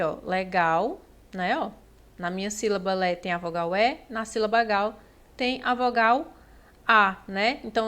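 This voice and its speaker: A woman's voice: a little high, a bit bright. A woman with a Brazilian Portuguese accent giving a patient exam-prep lesson, stretching out syllables and checking in often with the class. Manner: patient, drawn-out syllables, frequent "né?" and "ó". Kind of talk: explanatory lesson.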